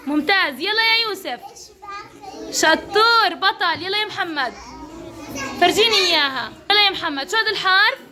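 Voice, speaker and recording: A woman's voice: extremely high pitch, lively intonation, fairly quick, long pauses, background noise. A woman with a Levantine Arabic accent teaching a kindergarten class, encouraging and praising each child by name. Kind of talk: classroom instruction.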